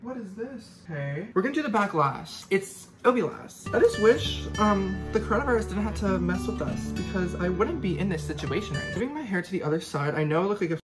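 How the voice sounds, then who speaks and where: A man's voice: high-pitched, lively intonation, fast talker, few pauses. A young man vlogging casually, dramatic and self-mocking, with frequent swearing. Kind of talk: casual vlog chat. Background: loud guitar music.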